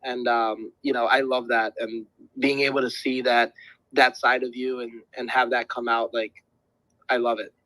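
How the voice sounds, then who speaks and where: A man hosting a podcast interview, relaxed and chatty, often stumbling and repeating words. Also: mid-range voice, normal speed, no room sound, poor audio. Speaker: podcast host. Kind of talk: casual interview chat.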